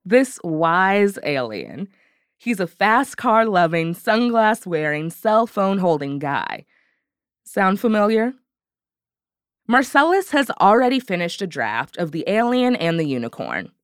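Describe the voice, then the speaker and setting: A woman's voice: mid-range voice, big pitch swings, unhurried, clean tone, dry recording, clean studio sound. A woman hosting a podcast, delivering scripted narration in a friendly storytelling manner. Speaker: podcast host.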